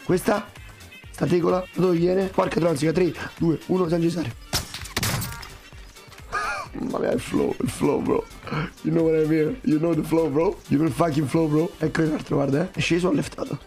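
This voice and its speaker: A man who has lost his voice, croaking through casual gameplay commentary, joking and swearing with his viewers. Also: a little high, fairly even intonation, normal speed, pauses often. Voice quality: croaky duck-like voice. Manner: swears a lot, jokey, talks to viewers. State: lost voice, hoarse. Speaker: gaming streamer. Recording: game music behind.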